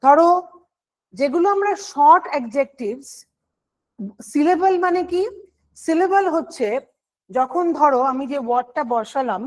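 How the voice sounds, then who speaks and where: Woman, high-pitched, patient exam-prep teacher who explains step by step. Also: lively intonation, measured pace, long pauses. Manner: explains step by step, asks and answers her own questions. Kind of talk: online exam-prep grammar lesson.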